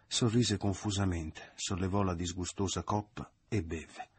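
A man reading a novel aloud in a measured, expressive storytelling voice. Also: low voice, husky, dry recording. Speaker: audiobook reader. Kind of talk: dramatic literary reading.

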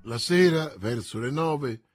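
A man narrating an audiobook of a classic novel, with expressive, dramatic storytelling. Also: medium pitch, slow pace, music in the background.

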